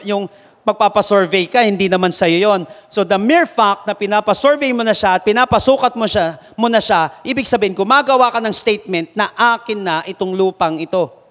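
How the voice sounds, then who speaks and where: A Filipino man delivers a sermon in a high, light voice. He moves between Tagalog and English and acts out the voices of the people in his story. His words ring on in a hall with long reverb. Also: a bit bright. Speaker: bishop and preacher.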